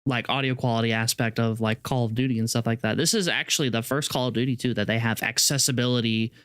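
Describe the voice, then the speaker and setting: A young man rambles through gaming news in casual podcast chat, stacking fillers and restarts. His voice is smooth and clear, and it sits dry and close to the mic. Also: mid-range voice, fast talker, no room sound. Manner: rambling, animated, many fillers. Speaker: podcast co-host.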